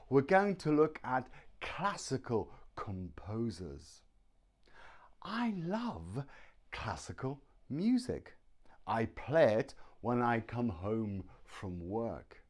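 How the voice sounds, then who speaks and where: Slow, lively British English teacher man. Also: medium pitch. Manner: slow, deliberate, repeats words and sounds. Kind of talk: slow pronunciation lesson.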